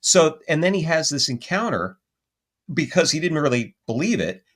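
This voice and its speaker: His pitch is fairly high and his speed normal. The man, a paranormal investigator guesting on a podcast, tells his story animatedly, wandering off track and amending details as he talks.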